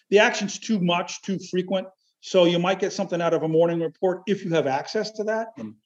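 A man talking casually in an interview, halting and rambling but enthusiastic. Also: fairly high pitch. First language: Chiac French. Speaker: amateur military history researcher, podcast guest. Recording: dull, lo-fi audio.

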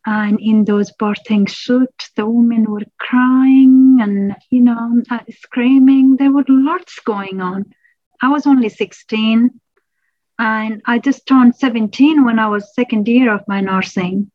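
A woman's voice: a little high, slow pace, dry recording. Woman from Nepal, dry muffled sound. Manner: reflective, with frequent restarts and "um"s. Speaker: public health lecturer, interview guest. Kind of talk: personal storytelling interview.

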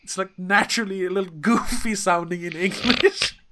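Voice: mid-range voice, normal speed, noisy background. A podcast co-host reviewing a film in casual chat, rambling with hesitant fillers and apologetic asides.

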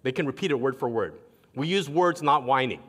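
A man preaching a sermon as pastor, telling stories in an animated way and acting out what others say. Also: medium pitch, fairly quick. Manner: animated storytelling, acting out quotes. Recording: long reverb of a large hall.

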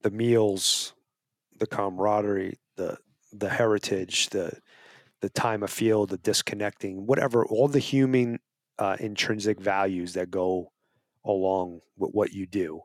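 A man's voice: fairly low pitch, fairly even intonation, a little slow, no echo, studio quality. A man being interviewed as a wildlife advocacy guest, talking in an earnest, persuasive way and often restarting his phrases. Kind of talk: casual interview talk.

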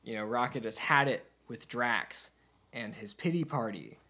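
A man's voice: medium pitch, normal speed, bright, forceful tone. A man co-hosting a casual movie discussion podcast, rambling and full of filler words. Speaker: podcast co-host.

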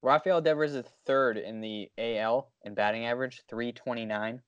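A man's voice: mid-range voice, steady tone, moderate pace, a bit bright, clear, resonant tone, dull audio. A man chatting casually about sports as a podcast co-host.

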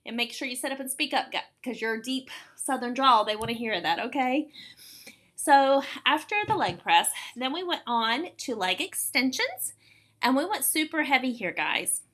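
Bright, high-voiced woman coaching on a podcast. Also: lively intonation, normal speed. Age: late 40s. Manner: encouraging, emphatic, repeats words for stress. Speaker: podcast host and fitness coach. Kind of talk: casual explanatory podcast talk.

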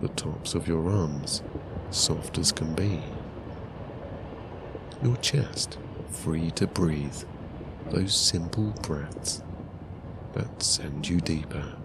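A man narrating a guided sleep story in a calm, soothing, hushed voice with long pauses. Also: extremely low pitch, noisy background.

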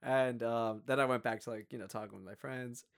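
Animated young man telling a story. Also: medium pitch, fairly quick, clean tone. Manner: animated, acts out quoted voices, many fillers. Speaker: podcast co-host. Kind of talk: casual storytelling.

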